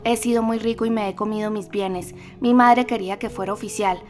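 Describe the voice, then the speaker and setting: A woman voicing a rowdy, boastful young male student rogue in armor for an audiobook, shouting with drunken bravado. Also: medium pitch, steady tone, brisk, faint music behind, close to an everyday voice. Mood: boisterous.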